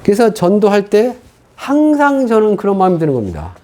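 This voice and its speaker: A middle-aged man preaching a sermon as pastor, telling his own story in an animated way and acting out what he once said. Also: high-pitched, fairly quick. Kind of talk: sermon testimony.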